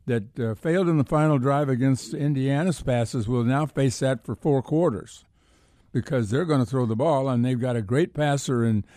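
A man gives conversational sports analysis as a radio co-host. His voice is mellow and mid-pitched, recorded dry, and his informal delivery repeats phrases for emphasis. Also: normal speed, no echo.

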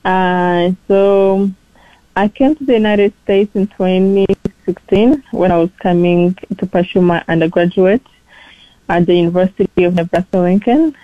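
A young woman from Rwanda talks about her path as a new author. She tells it in a relaxed, chatty way, with some fillers. The recording is dry and a little dull. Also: on the low side, moderate pace, dry recording. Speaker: interviewee, author. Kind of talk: casual interview.

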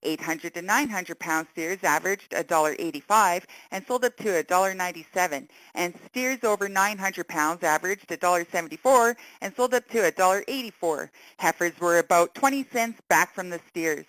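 A woman's voice: fairly low pitch, animated, moderate pace, few pauses, a bit bright, no room sound, rough recording. A woman reading a scripted livestock market report for farm radio.

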